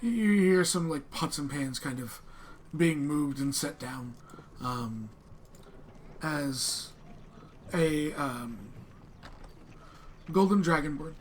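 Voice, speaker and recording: Higher-voiced man narrating haltingly as game master. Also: animated. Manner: halting, conversational, hedging. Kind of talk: improvised tabletop game narration. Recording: clearly noisy room.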